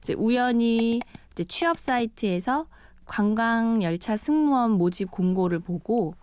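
A woman's voice: on the high side, lively intonation, a little slow, a little mellow, a little hiss or hum. A woman in her thirties, a tourist train attendant, answering an interview in an earnest, reflective way.

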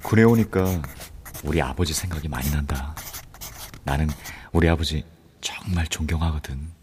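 An actor playing an affectionate young student on army leave in a radio drama, talking in a casual, tender way. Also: male voice, very deep voice, normal speed, darkish tone, slight background noise.

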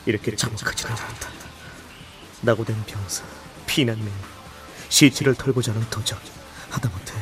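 A man's voice: mid-range voice, natural voice. A man playing a brooding, grieving wizard in a radio drama, earnest and formal. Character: brooding, grieving male wizard wanderer, quick to fury.

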